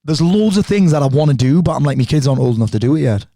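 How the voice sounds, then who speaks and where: An animated middle-aged man telling stories in a relaxed podcast conversation, swearing freely. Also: fairly high pitch, racing, no room sound, clean studio sound. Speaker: podcast guest. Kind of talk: casual conversation.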